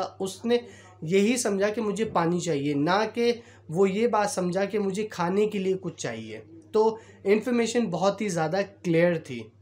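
A man teaching a lesson in a conversational way, pausing on fillers and acting out bits of quoted dialogue. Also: high-pitched. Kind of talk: explanatory lesson.

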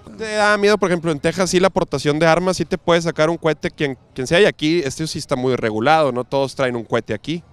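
On a busy seaside pier, a man in his thirties with a Mexican accent holds a handheld mic and interviews passersby, joking in slangy banter. His fairly high voice is clean in tone and moves at a quick pace with hardly any pauses, in the style of a casual street interview.

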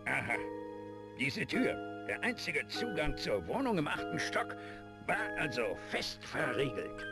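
Grumpy old male inspector, bossy, scolding, slow delivery, video game, loud music behind. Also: fairly high pitch, sing-song, vocal fry, heavily acted. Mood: brusque, suspicious.

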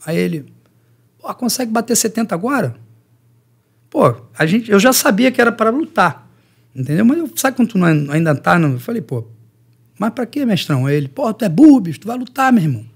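A man's voice: sits high, fast talker, vocal fry, breathy edge. A middle-aged man from Rio, a jiu-jitsu teacher telling stories as a podcast guest and acting out other people's lines. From Rio de Janeiro, Brazil. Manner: lively storyteller who acts out the voices of others. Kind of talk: podcast interview storytelling.

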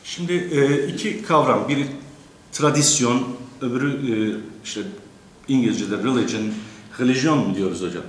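A man giving a courteous academic lecture, pausing often with drawn-out fillers and addressing the teachers in his audience. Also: mid-range voice, sing-song, slight background noise. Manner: hesitant, many drawn-out fillers. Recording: echoey lecture room.

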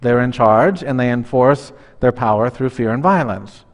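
A man's voice: mid-range voice, moderate pace. A man in his forties, a pastor preaching a conversational, humorous sermon at the altar of a church, now and then acting out voices. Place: large church sanctuary, standing at the altar. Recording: long church reverb.

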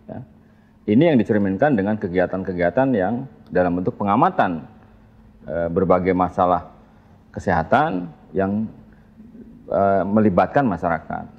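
A man, a health official, giving an interview answer in a measured way, pausing often with fillers. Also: low-pitched, lo-fi sound. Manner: measured, with many filler pauses.

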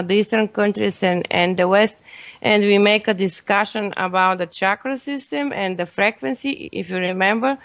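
A woman's voice: medium pitch, no room sound. A Bulgarian woman, a guest health expert, earnestly explaining her views in English with non-native grammar and a Bulgarian accent. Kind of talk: interview answers.

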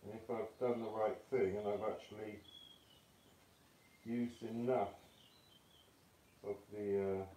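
Relaxed art teacher, lowish voice, muffled by a respirator mask, picked up from across a roomy indoor space. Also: male voice, slow, pauses often, a little hiss or hum. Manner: relaxed, offhand, self-deprecating. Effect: muffled through a respirator mask. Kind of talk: casual tutorial demonstration. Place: indoor studio room. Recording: roomy, mic at a distance.

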